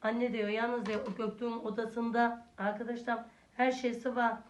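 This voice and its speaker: A woman's voice: on the high side, little pitch movement, normal speed, slight background noise. An older woman, a grandmother, chatting casually to her viewers as friends and cooing at her little grandson in a sing-song way. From Turkey. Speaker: village vlogger and grandmother. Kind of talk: casual home vlog chat. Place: village house room. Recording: echoey room, mic at a distance.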